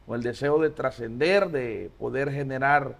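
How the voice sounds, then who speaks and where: A man in his forties, a pastor, telling his life story as an interview guest with many pauses and fillers. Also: mid-range voice, vocal fry. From Honduras. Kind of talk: casual interview.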